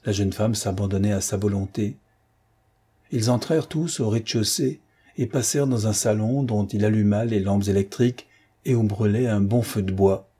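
Low, mellow male audiobook narrator. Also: breathy edge. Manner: measured, even literary reading.

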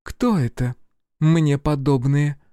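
A man's voice: on the high side, slow pace, warm tone, clean tone, no echo, studio quality. A man reading an audiobook voices a cold, determined female agent who gives commands.

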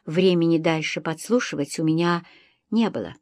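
A woman reading an audiobook in the first person, measured and softly tense. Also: lowish voice, no echo, studio quality. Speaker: audiobook narrator. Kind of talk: scripted first-person narration.

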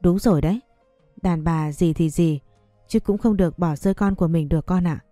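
A woman's voice: lowish voice, a little fast, warm tone, no echo, soft background music, lightly acted. A woman voicing a motherly older market vendor in an audio story, speaking with fussing affection. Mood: caring.

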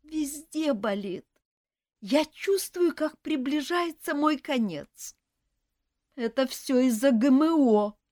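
A woman's voice: high-pitched, animated, drawn-out words, dark tone, no echo, studio quality, voice pushed up, full character voice. A woman voicing a melodramatic young male elf with a cold, whimpering, sniffling and wailing about his pain. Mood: whining. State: stuffy nose from a cold. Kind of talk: audiobook character voice.

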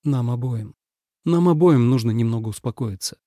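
A man voicing a calm, firm young man in an audiobook, speaking in a measured, cool and resolute manner. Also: mid-range voice, dry recording, clean studio sound, lightly acted. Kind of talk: audiobook character voice.

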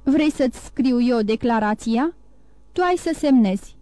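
Woman voicing a grave count posing as a priest, calm, measured, mellow tone, dry sound. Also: a little high, no echo, natural voice.

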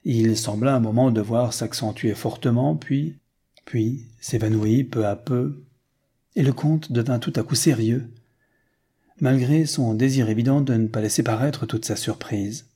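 A man narrating a classic novel in a measured, unhurried way. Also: medium pitch, mellow, breathy edge. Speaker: audiobook narrator. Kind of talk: scripted narration.

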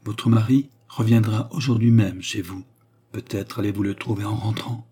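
Courtly seductive count, read by a man, soft earnest speech, dark husky tone, audiobook. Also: lowish voice, fairly even intonation, moderate pace. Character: smooth noble count, a gallant seducer. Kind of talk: audiobook character reading.

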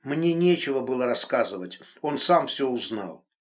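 A man voicing a calm, stubborn young woman in an audiobook, speaking quietly and steadily. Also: medium pitch, normal speed, natural voice. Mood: steady. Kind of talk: audiobook reading.

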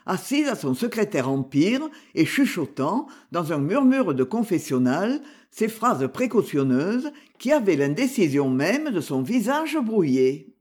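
Slow, husky audiobook narrator. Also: mid-range voice. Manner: measured, expressive reading. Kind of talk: scripted narration of a detective novel.

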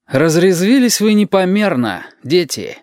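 A man voicing a cheerful, fearless grown man who talks in an unhurried, good-humored way, even when threatening. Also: high-pitched, no echo, clean studio sound, voice pushed up. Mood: calm threat.

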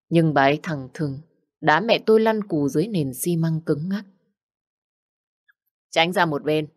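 A woman's voice: deep voice, darkish tone, no echo, clean studio sound. A woman narrating a dramatic first-person story.

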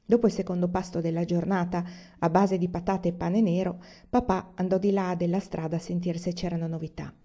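A woman reads a novel aloud in a measured, even way. Her voice is warm and mellow, at a middle pitch. The recording is slightly muffled. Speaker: reader.

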